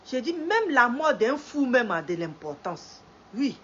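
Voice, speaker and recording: A middle-aged woman with a head cold hosts a live stream, greeting viewers and preaching slowly with much repetition and rising emphasis. Her fairly high, slightly bright voice has a sing-song lilt at a measured pace. Dull lo-fi stream audio carries faint ambience and slight background noise.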